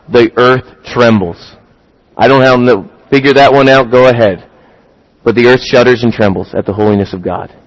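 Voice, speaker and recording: A man's voice: fairly high pitch, rough recording. A man preaching a sermon, talking through rhetorical questions and building to emphatic, rising points.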